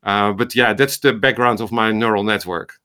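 A middle-aged Dutchman from the Netherlands, an ophthalmologist and AI researcher, appears as an interview guest and gives long, thoughtful answers with small restarts. He is talkative and explains at length. His voice sits on the low side, steady and clear, with a bright, forceful, resonant tone at a moderate pace.

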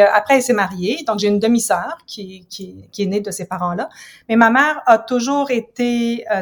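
Here a mid-range voice belongs to an Ottawa, Canada woman in her fifties who teaches at a university and writes. Interviewed casually as a guest, she reflects and explains in a measured manner.

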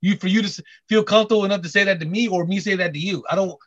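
A man chatting casually on a podcast, halting with many restarts and repeated words. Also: sits high, a bit bright. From Korean heritage. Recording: dull lo-fi audio.

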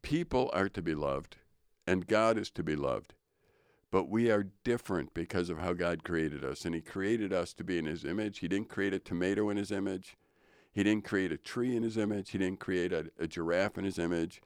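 A smooth, very deep voice belongs to an older man co-hosting a laid-back studio podcast. He muses on matters of faith at an unhurried pace, a touch sermonizing, and the close, dry recording has no echo.

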